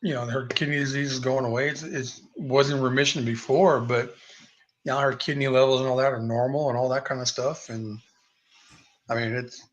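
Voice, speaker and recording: A man's voice: mid-range voice, fairly even intonation, moderate pace, lo-fi sound. A man who is a guest on a casual livestream chat, speaking earnestly in loose, run-on sentences.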